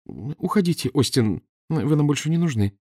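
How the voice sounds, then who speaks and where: A man voicing a gruff, domineering professor who grumbles and mocks in a low, booming voice, in an audiobook. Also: animated, normal speed, warm tone, dry recording, clean studio sound. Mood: gruff mocking. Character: gruff domineering mocking middle-aged professor. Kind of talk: audiobook character voice.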